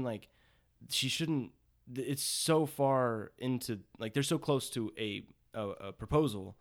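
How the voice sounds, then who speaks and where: A man co-hosting a casual chat, animated and laughing often as he retells scenes. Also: mid-range voice. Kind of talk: casual chat about a dating show.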